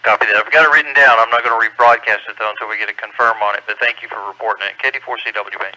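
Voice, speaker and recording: American man, sharp terse radio updates. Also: lowish voice, fairly even intonation, very fast, a little hiss or hum, rough recording. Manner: clipped, procedural radio phrasing. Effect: two-way radio transmission. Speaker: amateur radio net controller. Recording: amateur radio transmission, dry.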